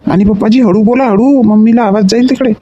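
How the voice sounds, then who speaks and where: An actor playing a grown son at home in a comedy sketch, pleading and repeating words. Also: male voice, high voice, fairly even intonation, quick pace, mellow, slightly rough. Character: grown sons at home, eager and scheming. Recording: dull lo-fi recording with faint noise.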